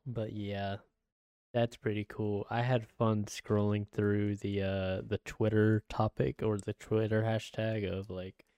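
Low, monotone young man chatting. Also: clear, resonant tone, dry recording. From United States. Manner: rambling, flat, with many fillers and restarts. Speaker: streamer and channel owner. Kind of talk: casual solo chat to viewers. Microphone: desk microphone, close.

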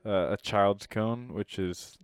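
A man's voice: fairly low pitch, slow pace, smooth, no echo. A man from Minnesota, a guest on a podcast, joking in a dry, teasing way. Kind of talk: casual chat.

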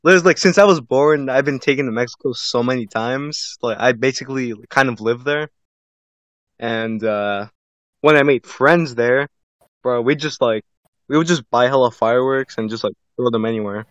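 A man in easy podcast chat tells a long, meandering story full of "like" and "bro." His voice sits at an ordinary pitch. The sound is dull and a bit lo-fi, with a dry, close feel. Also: moderate pace, dry recording. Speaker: podcast co-host.

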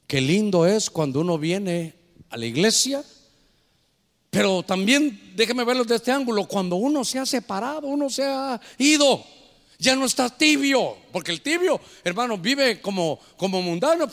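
A man's voice: high voice, animated, normal speed, long reverb tail. A man preaching a sermon as pastor in a church. He speaks fervently and keeps addressing the congregation as brother. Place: church hall.

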